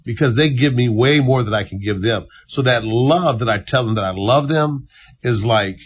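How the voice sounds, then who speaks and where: A man's voice: medium pitch, moderate pace, breathy edge, highs cut off. A man who runs a youth training center, answering interview questions in an earnest, heartfelt way and repeating lines for emphasis. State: tearful. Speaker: former baseball executive, youth training center owner.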